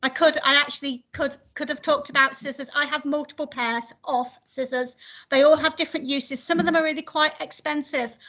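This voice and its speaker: A woman's voice: high-pitched, a bit bright. A middle-aged woman on a video call from a home office, answering questions after her talk in a hesitant, casual way with many restarts. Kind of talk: casual academic Q&A.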